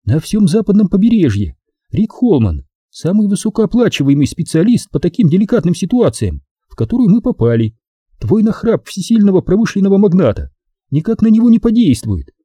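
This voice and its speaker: A man's voice: high voice, very animated, brisk, dark tone, husky, no room sound, clean studio sound, pitched above the performer's own voice, exaggerated voice. A man voicing a glamorous, imperious female film star who talks sweetly but gives orders. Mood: coaxing sweet. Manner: sweetly cooing, commanding.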